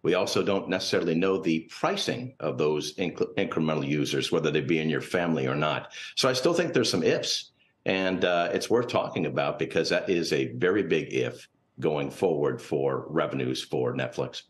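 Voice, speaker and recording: This guest analyst, a portfolio manager and finance professor, speaks at a moderate pace in an extremely low-pitched voice. He comments off the cuff during a TV interview, staying careful and analytical.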